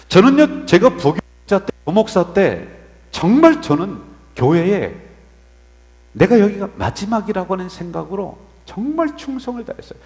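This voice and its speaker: A male pastor preaching a sermon, telling stories animatedly, swinging from soft asides to loud exclamations. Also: high-pitched, in a large hall. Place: church sanctuary.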